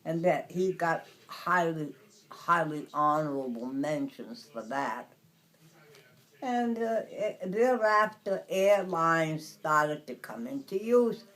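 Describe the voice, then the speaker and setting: An elderly woman in her nineties from Brooklyn, reminiscing in a casual interview, haltingly, searching for words and repeating phrases. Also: low-pitched, lively intonation, fairly bright tone. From Brooklyn, New York. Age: 90s. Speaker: interviewee recalling the past.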